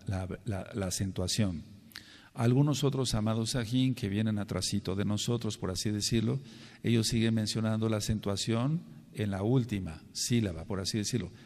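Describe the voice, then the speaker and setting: Man, Mexican Spanish accent, low voice, earnest sermon-style teaching, spells words out, long hall reverb. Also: darkish tone. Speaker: congregation leader teaching.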